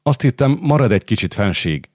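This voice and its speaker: Egy magányos, sóvárgó fiatal háremhölgy, akit egy férfi mesélő szólaltat meg nagyon mély, száraz hangon, közeli mikrofonnal. Kérlelő, vágyakozó hangvétel. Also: male voice, low-pitched, animated, darkish tone, dry recording, clean studio sound. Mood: wistful. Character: lonely young harem wife, woman.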